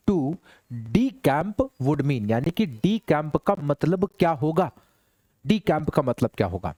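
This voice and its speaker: A man lectures a classroom on English exam questions, slangy and teasing. His voice sits a little high for a man. The sound is close and dry, with no room ring. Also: a little mellow, no echo. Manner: chatty, joking, rhetorical questions to students. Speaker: English teacher. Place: classroom with students.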